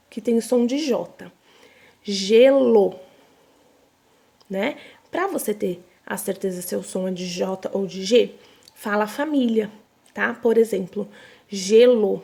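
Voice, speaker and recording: Brazilian teacher lady, slow and mellow, stretches every word out for little kids. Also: medium pitch. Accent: Brazilian Portuguese. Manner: patient, slow and drawn out, repeats words for young pupils. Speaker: primary school teacher. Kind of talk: recorded remote reading lesson for children.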